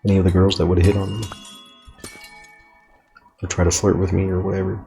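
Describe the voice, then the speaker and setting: A man's voice: deep voice, little pitch movement, brisk, vocal fry, mellow, soft background music. A young man rambling reflectively through an unedited video journal while playing a game, swearing casually now and then.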